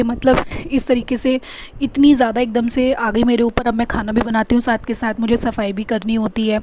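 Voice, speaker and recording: A woman's voice: fairly high pitch, background noise. A young woman vlogging casually at home, chatting and venting about her frustrations. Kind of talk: casual vlog chat. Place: home kitchen.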